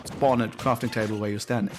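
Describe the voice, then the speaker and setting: A man calling play-by-play for an online fighting-game tournament in an energetic way, with frequent fillers. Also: on the low side, fast, faint music behind. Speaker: play-by-play commentator. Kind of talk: esports commentary.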